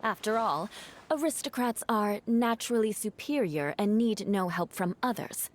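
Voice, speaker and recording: A woman's voice: mid-range voice, normal speed, lightly acted. An actress playing a proud, cool young noblewoman fighter who speaks in a dry, cutting tone, in game voice acting.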